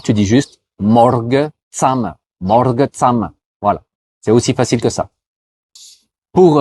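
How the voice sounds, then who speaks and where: A man from France talking casually to the viewer, full of fillers, slowing down to spell out greetings. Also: mid-range voice, warm tone. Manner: chatty, addresses viewer as tu, frequent euh fillers; slows down to demonstrate pronunciation. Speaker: vlogger giving advice to cross-border workers. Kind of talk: casual explanatory talk with mini language lesson.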